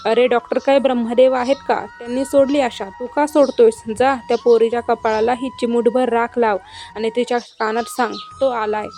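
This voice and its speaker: A woman voicing a calm, mysterious old beggar man who gently chides a grieving father, in a spoken story. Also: on the high side, normal speed, lightly acted. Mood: calm chiding.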